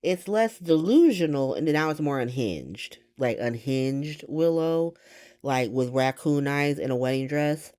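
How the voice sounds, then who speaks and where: A woman in her late thirties hosting a podcast, chatting casually in a rambling, animated way that is full of swearing and laughs, and sounding tired. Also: rumbling low, no echo. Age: 30s. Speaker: podcast host. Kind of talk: casual chat recap.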